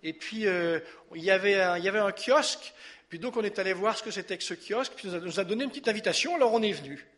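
A man with a slightly high voice gives church announcements. He talks casually and warmly, stumbling over words and filling gaps with hesitations. It sounds like a pastor addressing his congregation in a church hall. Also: fast. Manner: warm, conversational, hesitant with many fillers.

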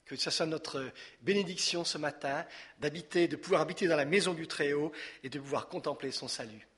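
A man with a slightly high voice gives church announcements. He talks casually and warmly, stumbling over words and filling gaps with hesitations. It sounds like a pastor addressing his congregation in a church hall. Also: fairly quick. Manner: warm, conversational, hesitant with many fillers.

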